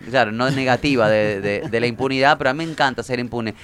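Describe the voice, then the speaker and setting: A man's voice: medium pitch, fast talker. A man with an Argentine Rioplatense accent, an actor being interviewed in a casual, playful chat. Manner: playful, animated, laughs often. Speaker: actor guest.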